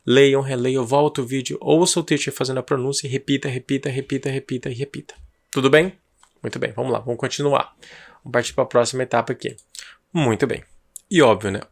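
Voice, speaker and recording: A man with a Brazilian Portuguese accent teaching an online class in a chatty way, asking and answering his own student questions and slowly drilling phrases for repetition. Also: medium pitch, steady tone, creaky. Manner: slow, drawn-out drill repetitions. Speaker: English teacher.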